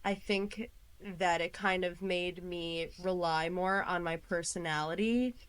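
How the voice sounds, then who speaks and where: A woman's voice: on the low side, fairly even intonation, unhurried, clear, resonant tone. A woman in her late twenties, a podcast guest talking casually with lots of fillers. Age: 20s. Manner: chatty, many fillers, quoting herself. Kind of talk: casual interview chat.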